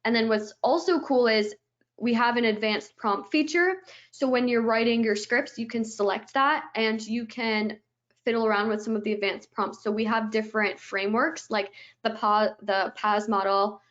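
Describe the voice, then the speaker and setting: A woman with a slightly high voice eagerly walks through a software product as a webinar guest, chaining each step with "and then." The sound is dull and lo-fi, as though it came through a video call. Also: steady tone, moderate pace. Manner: eager explaining, strings steps together with "and then".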